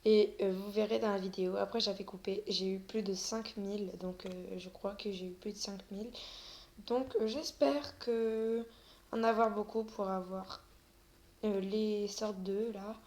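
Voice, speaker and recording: Lady chatting over her gameplay, stumbles on words a lot, lots of "euh", mid pitch, bit of faint noise. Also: a little mellow. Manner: stammers often; hesitant, many fillers. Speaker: gaming video creator. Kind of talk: casual gameplay commentary.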